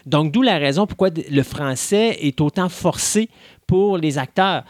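A man's voice: fairly high pitch, expressive, a little slow, no echo, clean studio sound. A man from Quebec with a Québécois accent, co-hosting a podcast in casual chat, opinionated and talking at length with frequent restarts. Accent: Québécois French.

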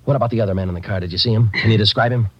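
A man's voice: lowish voice, racing, a bit bright, lightly acted. An American man playing a terse, dogged police detective in a matter-of-fact, clipped 1950s radio drama style. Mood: urgent. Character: terse, dogged male police detective narrating his case. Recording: muffled, noisy old radio recording.

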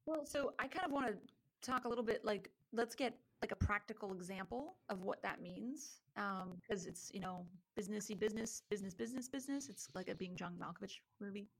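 A woman's voice: medium pitch, moderate pace, rough recording. A woman co-hosting a podcast in casual chat, playful with joking asides. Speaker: podcast co-host.

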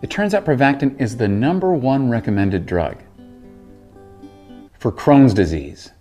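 Guy playing earnest worried husband in a fake med ad, lively tone, light guitar behind. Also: mid-range voice, measured pace. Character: earnest worried husband giving a drug testimonial. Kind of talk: parody pharmaceutical commercial.

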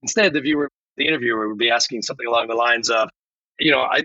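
A man who voiced a chatbot script appears as a podcast guest, chatting animatedly and emphatically and acting out bits of quoted dialogue. His mid-range voice is bright and forceful, he talks fast, and the recording has a roomy, slightly dull lo-fi sound.

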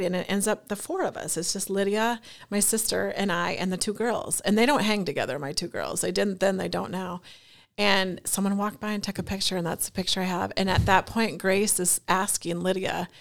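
A middle-aged woman telling a personal story in an interview, animated and laughing between quick asides. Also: mid-range voice, gravelly. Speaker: guest.

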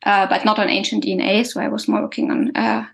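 Here a woman from Germany, a native German speaker working as a guest scientist, responds to an interview in a halting way full of fillers and false starts. She talks quickly in a gravelly, mid-range voice with a level tone.

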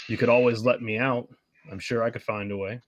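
A man's voice: medium pitch, flat delivery, brisk, lo-fi sound, lightly acted. A man voicing a smug, taunting armored warrior spirit trapped inside someone's mind.

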